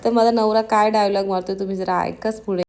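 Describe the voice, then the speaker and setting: A woman from Maharashtra narrating a casual vlog in a hoarse voice that is giving out, chatting straight to her viewers. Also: mid-range voice, fairly even intonation, brisk, a little mellow. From Maharashtra, India. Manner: chatty, addresses viewers directly. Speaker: vlogger.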